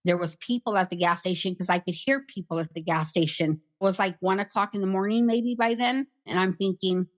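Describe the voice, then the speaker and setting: A middle-aged woman recounting her past in an interview, in a plain, halting way with many "like" fillers. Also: medium pitch, lo-fi sound. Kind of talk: personal account in conversation.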